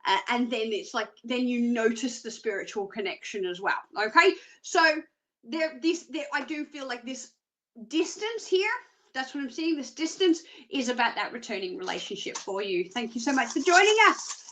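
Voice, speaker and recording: A woman's voice: on the high side, animated, normal speed, fairly bright tone. A woman presenting a live psychic reading show, chatty and rambling with jokey asides, often checking in with "okay?".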